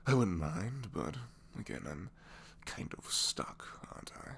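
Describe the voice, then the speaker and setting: Weary and wry, a man voices a secretly kind, reluctant supervillain inventor in a one-sided ASMR roleplay drama. His exaggerated, pushed-up voice sits low yet fairly bright, gravelly with a breathy edge and lively intonation, and he takes his time. He hesitates, rambles self-deprecatingly, sighs, trails off into tag questions and slips toward whispers.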